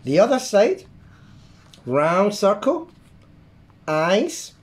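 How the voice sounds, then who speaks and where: A host teaching a drawing lesson for kids, adding playful sound effects like "beep" and "boom" and often checking in with the viewer. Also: very animated, very slow. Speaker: children's art class host.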